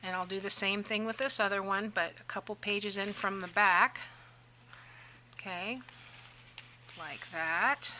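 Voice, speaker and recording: A woman's voice: medium pitch, measured pace, pauses often, sharp tone, a little hiss or hum, rough recording. A woman talks casually through a crafting tutorial and tells rambling stories in a chatty way. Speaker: crafting vlogger.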